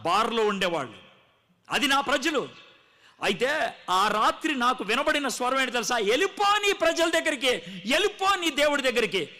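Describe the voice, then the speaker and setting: A man's voice: high voice, sharp tone. A man preaching a testimony sermon to a live gathering, telling his story dramatically and acting out the dialogue. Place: live gathering before a congregation.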